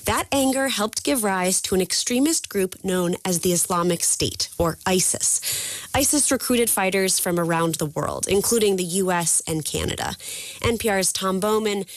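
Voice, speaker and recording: A woman's voice: medium pitch, normal speed, no room sound. Female radio news host, dry studio. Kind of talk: scripted news introduction.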